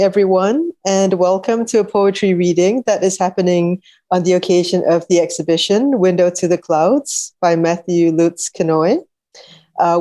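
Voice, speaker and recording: A woman's voice: fairly low pitch, dark tone. A woman moderating a poetry reading, introducing the guests in a fluent, formal way with small hesitations. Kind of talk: introductory speech.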